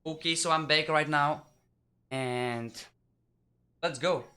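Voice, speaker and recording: A man calling a live esports match in steady play-by-play, often correcting himself mid-sentence. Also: fairly high pitch, slow, clear, resonant tone. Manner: steady running commentary with frequent self-corrections. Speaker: esports caster. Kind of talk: live play-by-play game commentary.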